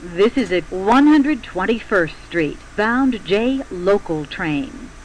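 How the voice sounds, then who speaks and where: A man reading scripted transit announcements in a formal, measured way, as heard on a subway train. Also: high voice, animated, a little hiss or hum, low-quality recording. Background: faint train ambience.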